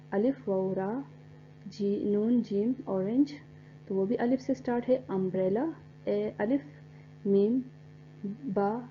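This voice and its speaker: A woman teacher walks through a grammar rule at a patient, methodical pace, breaking words into single letters and drawing out each English example. Her voice sits at an ordinary middle pitch. The recording is dull and lo-fi, with a faint hum underneath. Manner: explains step by step, spells words letter by letter, reads English examples slowly. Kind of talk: recorded classroom lecture.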